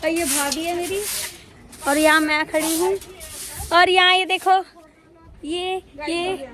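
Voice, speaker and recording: A young woman with a hoarse voice chatting playfully to her viewers on a phone camera from a busy family rooftop. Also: extremely high pitch, little pitch movement, slow, bright, forceful tone. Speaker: vlogger. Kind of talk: casual vlog chat. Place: home rooftop with family around. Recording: crowd of family chatter behind.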